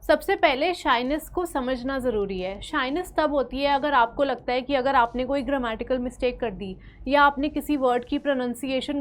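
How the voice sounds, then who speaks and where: A woman with an Indian accent teaching spoken English and switching between Hindi and English in an encouraging way. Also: a little high.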